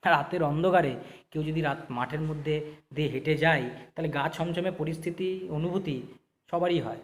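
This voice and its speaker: A man's voice: a little high, moderate pace, in a large hall. A male teacher explains a poem line by line. He often asks a question and then answers it himself, and he repeats words as he goes. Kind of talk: classroom poetry explanation.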